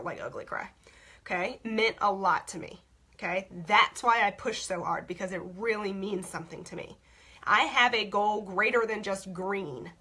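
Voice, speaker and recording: Bright, husky woman coaching. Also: medium pitch. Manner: frank, repeats "okay?" often. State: voice going hoarse. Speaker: team leader teaching goal-setting. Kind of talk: casual instructional talk.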